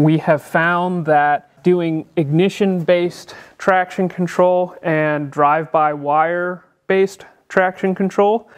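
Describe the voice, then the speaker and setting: A fairly high, smooth-voiced man hosts a casual look at a vehicle build in an indoor workshop. As the car builder behind the channel, he explains things easily with frequent filler sounds, recorded through his own handheld camera.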